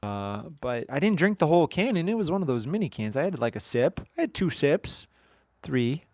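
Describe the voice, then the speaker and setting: A man's voice: a little high, very animated, normal speed, darkish tone, dry recording, clean studio sound. A man in his thirties chatting casually on a live stream from his farm, rambling and joking with his viewers. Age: 30s. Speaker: livestream host.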